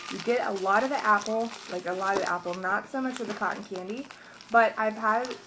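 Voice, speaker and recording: A woman's voice: medium pitch, background noise. A young woman chatting casually through a haul video at home, rambling with many restarts and sounding stuffed up. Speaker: vlogger. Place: home, morning.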